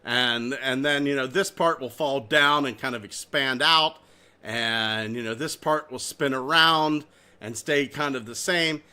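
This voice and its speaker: A man hosting a casual chat about toys, excitable and animated, swearing and joking as he talks. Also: medium pitch, measured pace, clear, resonant tone. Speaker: podcast host.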